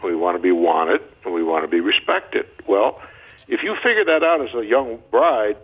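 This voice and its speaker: This older man, a guest marriage counselor on a radio interview, speaks at a normal pace in a lowish, husky voice. He's folksy and full of jokes as he tells animated stories, heard through a thin phone-line sound.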